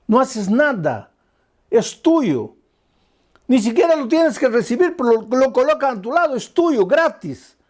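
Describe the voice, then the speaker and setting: High-voiced pastor preaching earnestly. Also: male voice, darkish tone. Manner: earnest, pleading preaching with repeated phrases. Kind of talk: sermon.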